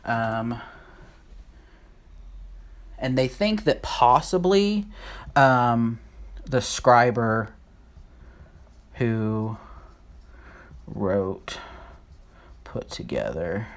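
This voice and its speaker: Casual Bible study host, mid-pitched, slow and halting, writes as they talk. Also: expressive. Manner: halting, unsure of names, thinks aloud while writing. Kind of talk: casual Bible lesson at a whiteboard.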